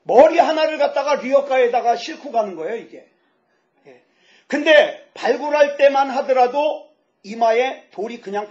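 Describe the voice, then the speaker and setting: A pastor in his fifties preaching a sermon, lively and joking, asking the audience questions. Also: very high-pitched. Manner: lively, asks the audience questions, jokes about himself. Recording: dull lo-fi sound.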